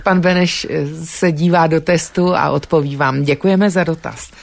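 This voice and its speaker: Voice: mid-range voice, steady tone, creaky. Radio host, polite moderator of a listener call-in show. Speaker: radio presenter.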